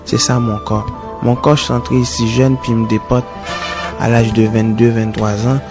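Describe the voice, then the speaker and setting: A man's voice: medium pitch, level tone, normal speed, music in the background. A Haitian-born man, giving a frank personal testimony and speaking straight to a friend. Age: 20s. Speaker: detainee facing deportation.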